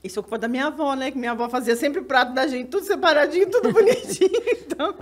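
A Brazilian woman lecturer telling a personal story in a casual, animated way. She laughs often and acts out the lines of the people she quotes. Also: high voice, rapid-fire. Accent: Brazilian Portuguese. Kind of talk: casual storytelling on a video call.

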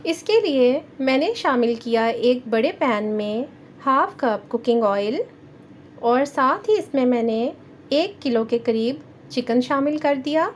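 High-pitched pakistani urdu-accent lady walking you through a recipe, calm and clear, slight hum behind. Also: unhurried. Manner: calm, instructive, addresses viewers directly. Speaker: cooking channel host. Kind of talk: step-by-step recipe voice-over.

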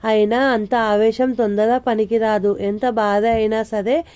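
Lady doing nosy old neighbor guy lecturing like a dad, audio novel, higher mellow voice. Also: flat delivery, unhurried, clear, resonant tone, close to an everyday voice. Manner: preachy, fatherly lecturing. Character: older male neighbor, prying and lecturing.

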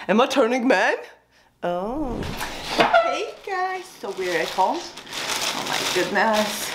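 A woman's voice: on the high side, vocal fry. A young woman chatting casually to her viewers in a vlog, with loose non-native phrasing. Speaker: vlogger. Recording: loud background noise.

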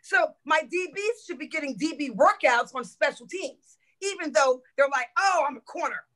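A middle-aged woman, a former football coach, telling stories in a podcast interview, lively and swearing freely as she acts out quotes. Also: high voice, normal speed, low-quality recording. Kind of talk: animated storytelling in a podcast interview.

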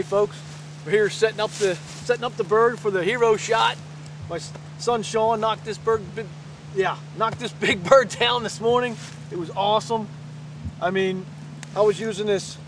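A middle-aged man guiding a turkey hunt, talking excitedly to the camera in a forest and plugging his website. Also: high voice. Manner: enthusiastic, plugs his website. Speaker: turkey hunting guide and host. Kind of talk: excited outdoor hunting video talk. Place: outdoors in a leafy forest. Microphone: camera mic from a few meters. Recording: outdoor camera audio with loud background noise.

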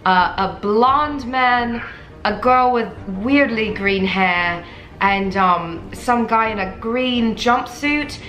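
Pompous ambassador with a fake British accent, bright tone, echoey room, played by a woman. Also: a little high, lo-fi sound. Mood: mock-official. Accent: put-on British. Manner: halting, mock-official. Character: pompous female government ambassador.

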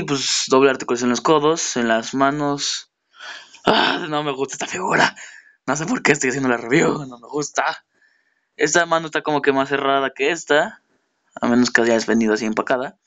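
A man talks through a toy review in a loose, unscripted way. He rambles, corrects himself, and laughs at his own remarks. His pitch sits in the ordinary middle range for a man. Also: fairly bright tone. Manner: rambling, self-mocking, laughs often.

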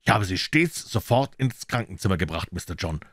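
A sly older butler speaks in a low, monotone voice with false, level politeness, as a man puts him on. The sound is dry and close, with no room around it. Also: a little fast, no room sound. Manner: monotone, apologetic, then harsh.

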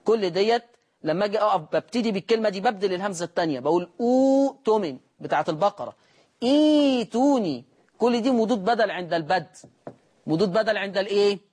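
An Egyptian-accented man leads a recitation class in a high, light voice for a man. He quizzes his listeners and then answers his own questions, and he slows right down to chant the quoted verses in long, drawn-out notes. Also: expressive, a little mellow. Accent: Egyptian Arabic. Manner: asks the class questions and answers them himself. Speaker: Quran recitation teacher. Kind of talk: classroom lesson explaining recitation rules.

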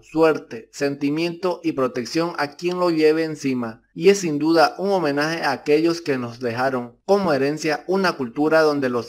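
A man giving a measured, even scripted narration as the narrator of a video. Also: on the high side.

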